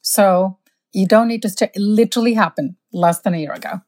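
A woman's voice: medium pitch, brisk, a little mellow. A woman physician telling workplace anecdotes in casual conversation, emphatic and indignant. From born in India, raised in the US. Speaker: physician guest.

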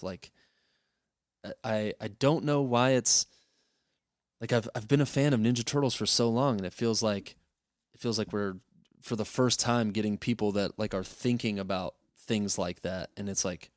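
A man hosting a casual podcast chat, animated and quick to laugh. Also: lowish voice, no room sound, studio quality. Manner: animated, breaks into quick character impressions and laughs. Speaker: podcast host.

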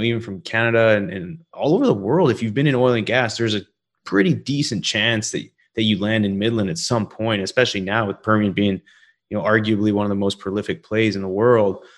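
A man hosts a casual interview about working in the oilfield. His voice sits fairly low. He rambles and pads his questions with lots of fillers. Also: brisk. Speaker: interview host.

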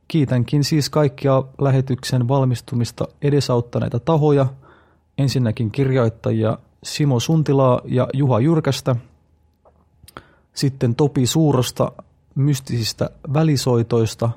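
Dark-voiced male podcast narrator. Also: mid-range voice. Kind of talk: fantasy audiobook narration.

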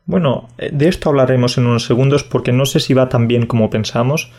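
A man's voice: mid-range voice, fairly quick, darkish tone. A man in his twenties, raised in Catalonia, co-hosting a casual podcast and patiently teaching phrases. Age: 20s. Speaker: podcast co-host.

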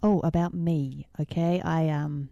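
Low-voiced New Zealand woman, mellow. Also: fairly even intonation, unhurried, creaky, dry recording, dull audio. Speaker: co-host. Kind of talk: casual chat.

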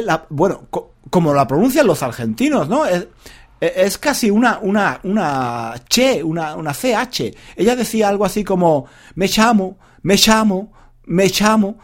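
A man teaches Spanish in a casual, rambling monologue, speaking directly to his listeners, drifting off topic and laughing at himself when he loses his thread. His voice is high with a darkish tone.

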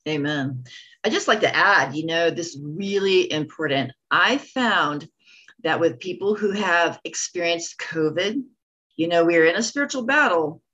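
A woman's voice: fairly low pitch, lively intonation, measured pace, sharp tone, dull audio. A woman co-host speaking in an earnest, affirming way about faith. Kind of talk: conversational ministry talk.

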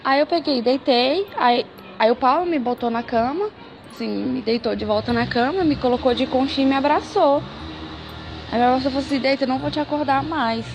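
A woman's voice: high-pitched, brisk. A woman casually telling a personal story, full of slang and repeating words for emphasis. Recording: music playing underneath.

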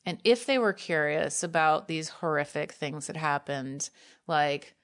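A woman, a guest author telling a story in casual conversation, animated and laughing, with many 'like' fillers. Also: sits low, unhurried, clear, resonant tone.

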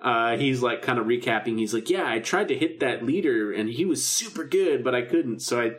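Speaking briskly with lively intonation in a medium pitch, a man co-hosts a podcast. He's recapping a radio drama, chatting casually like an excited fan.

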